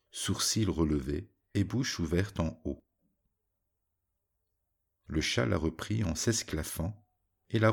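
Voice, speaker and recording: A man reading a storybook aloud in an even, measured way. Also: low voice, creaky, husky. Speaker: narrator.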